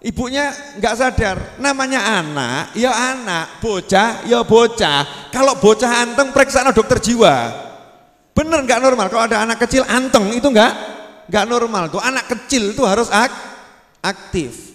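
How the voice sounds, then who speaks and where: A man's voice: very high voice, normal speed, fairly bright tone. A man preaching a sermon at a religious gathering, playfully quizzing his audience. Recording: echoey hall.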